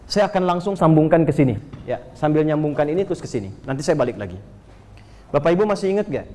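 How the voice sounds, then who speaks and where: High-voiced animated male preacher, echoing hall. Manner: animated, joking, addresses listeners directly. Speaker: Islamic preacher. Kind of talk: lively sermon to a live audience. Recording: long reverb of a lecture hall.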